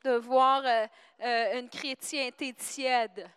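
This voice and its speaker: A woman's voice: fairly high pitch, fairly even intonation, takes it slowly, a bit bright, clean tone. Quebec French woman interpreting a sermon. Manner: echoes the preacher's rising intensity, some hesitations. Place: church hall.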